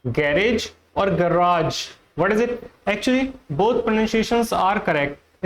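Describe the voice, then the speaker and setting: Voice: mid-range voice, poor audio. A teacher with an Indian accent giving an online pronunciation lesson, repeating each word and asking viewers questions.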